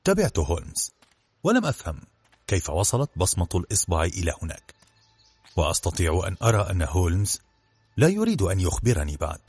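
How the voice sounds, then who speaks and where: A man narrating a storybook in an expressive, measured reading. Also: sits low, slightly rough, no echo. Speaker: audiobook narrator.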